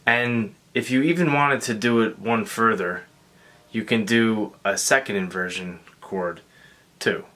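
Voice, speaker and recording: A man giving a casual guitar lesson, talking in a relaxed, halting way with many fillers and restarts. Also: fairly low pitch. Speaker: guitar teacher. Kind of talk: casual instructional talk. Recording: clear guitar playing behind the voice. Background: guitar and metronome.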